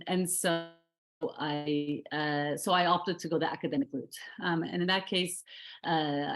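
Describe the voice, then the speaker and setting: In an interview, a middle-aged woman researcher thoughtfully reflects on her academic path. Her voice sits low, and her speech is full of fillers and restarts.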